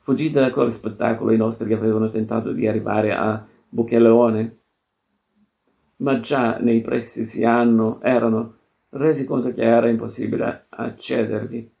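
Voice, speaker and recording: A man reading a novel aloud in steady, unhurried narration. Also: mid-range voice, vocal fry. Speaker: reader.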